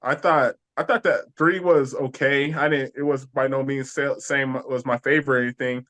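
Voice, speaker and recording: A man co-hosting a casual podcast chat, talking in a halting way with many pauses and restarts. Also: mid-range voice, steady tone, fairly bright tone. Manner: halting, lots of fillers and restarts. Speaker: podcast co-host.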